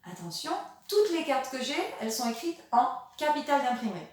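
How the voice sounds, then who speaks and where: A woman teacher talking slowly and patiently to young children, switching between French and English and asking exaggerated questions. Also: high voice, big pitch swings. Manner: sings nursery songs. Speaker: kindergarten teacher. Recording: very echoey room, voice from a distance.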